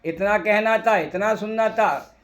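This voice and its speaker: A man's voice: high voice, measured pace, fairly bright tone. A man preaching a storytelling sermon, repeating phrases with emphasis and urging his listeners.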